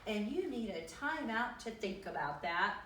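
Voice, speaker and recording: A woman's voice: medium pitch, big pitch swings, measured pace, fairly bright tone, slight background noise. Brief: woman playing a firm, scolding mama cat in a storybook reading, roomy sound. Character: stern but loving mother cat. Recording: echoey room, mic at a distance.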